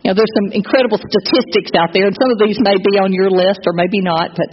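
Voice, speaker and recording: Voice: medium pitch, fairly even intonation, fast. A pastor preaching a sermon in a conversational, personal way, with light humor. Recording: dull lo-fi recording with faint noise.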